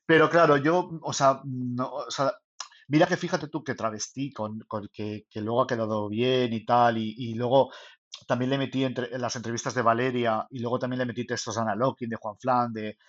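Spanish man co-host, loose rambling chat, slightly dull recording. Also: medium pitch. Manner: rambling, many restarts and fillers. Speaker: podcast co-host, self-published photographer. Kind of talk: casual chat.

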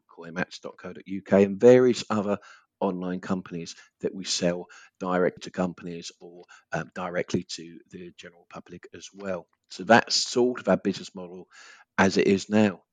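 A man's voice: deep voice, normal speed, no room sound. A man with an Essex accent chatting informally as a guest in a conversational interview. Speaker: podcast guest, business owner.

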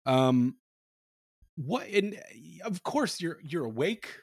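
A man's voice: on the high side, big pitch swings, slow pace, vocal fry, no room sound. A man co-hosting a podcast, telling self-deprecating stories in casual chat. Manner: storytelling, self-deprecating, laughs between lines. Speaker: podcast co-host.

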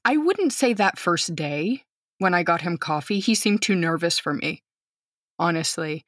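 Speaking a little slowly in a fairly low voice, an American woman in her thirties comes through clean studio sound without echo. She's a teacher and guest, an animated, outgoing storyteller who acts out the voices of people in her casual tale.

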